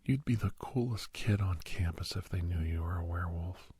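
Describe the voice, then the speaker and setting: The mood is sober and warning as a man, his voice sitting low, plays a calm and earnest doctor counseling a young werewolf in an ASMR role-play. He speaks slowly and reassuringly in a hushed, breathy voice that often falls to a whisper, with no room sound.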